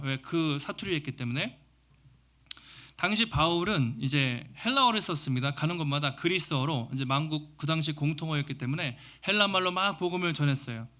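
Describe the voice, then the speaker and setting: A male pastor preaching a sermon in church, telling the story lively with sound words and imitated voices. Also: fairly high pitch. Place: church sanctuary.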